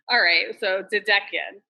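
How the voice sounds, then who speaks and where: A woman's voice: mid-range voice, fairly even intonation, slow, vocal fry, sharp tone, low-quality recording. A woman from Massachusetts, a restaurant co-owner, talking candidly in a casual interview with lots of "like" and "you know". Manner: chatty, candid, fillers like "like" and "you know", swears.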